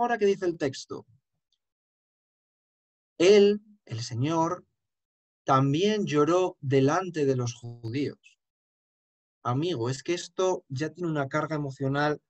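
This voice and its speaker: A man from Spain lectures on chant, stressing key words and breaking into sung examples. His voice sits a bit high for a man, and he speaks slowly and deliberately, explaining carefully. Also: darkish tone. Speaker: chant teacher.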